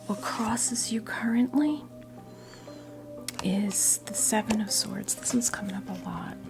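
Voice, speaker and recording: A woman in her fifties from New Jersey whispers breathily in a mid-range voice, soothing and halting yet conversational. She's an ASMR creator role-playing a witch giving a tarot reading, with soft music in the background.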